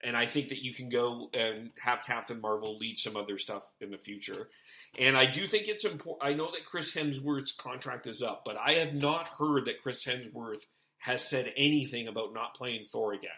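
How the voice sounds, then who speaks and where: Male podcast host, bright forward tone, rambling, thinks out loud with many restarts. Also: medium pitch, moderate pace. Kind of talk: casual podcast chat.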